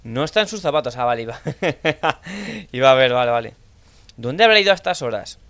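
A young man with a Spanish accent from Spain, playing a horror game and thinking aloud in low mutters, now and then shouting out. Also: animated, a little fast. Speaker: gaming streamer. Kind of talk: horror let's play commentary.

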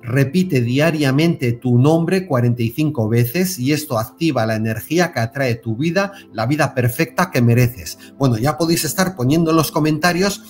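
A man with a Spain Spanish accent gives a spiritual self-help talk to camera, lively and repetitive, often checking in with his listeners. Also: medium pitch, moderate pace, few pauses, soft background music. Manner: animated, repeats words and stresses with tag questions. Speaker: self-help video host.

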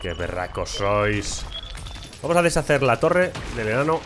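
A young man giving excited, shouty live commentary over his own gameplay, swearing and laughing at himself. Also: medium pitch, unhurried, background noise. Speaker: gameplay streamer.

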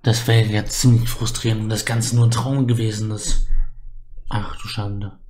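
A man's voice: on the low side, level tone, normal speed, darkish tone, slight background noise. A man giving casual gameplay commentary, musing aloud and repeating stock exclamations. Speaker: let's play host.

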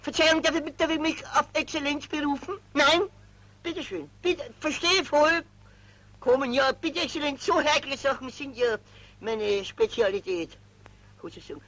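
An actor playing a flustered minor civil servant, who stammers and bows and scrapes in 1940s film style. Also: male voice, very high voice, a little slow, heavily acted, low-quality recording. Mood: fawning. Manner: stammering, deferential, excitable. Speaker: stammering petty official.

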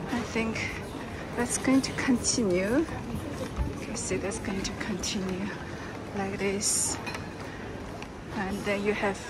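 Slow-talking woman on an airport walk. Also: medium pitch, steady tone, loud music behind the voice, rough recording. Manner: slow, halting, simple phrasing. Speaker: travel vlogger. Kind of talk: casual walking-tour narration. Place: large indoor airport terminal. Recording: busy terminal noise behind.

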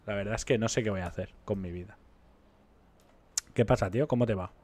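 A man's voice: fairly low pitch, a little fast, darkish tone. A young man with an accent from Spain, rambling and joking with viewers in casual gameplay commentary. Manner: rambling, self-mocking, chatty with viewers. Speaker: roleplay streamer.

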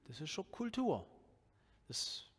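In a slow voice that sits on the high side and carries a breathy edge, a Swabian pastor in his forties preaches with a Swabian German accent. Wearing a headset mic in a church hall, he talks loosely and animatedly, with frequent restarts and fillers.

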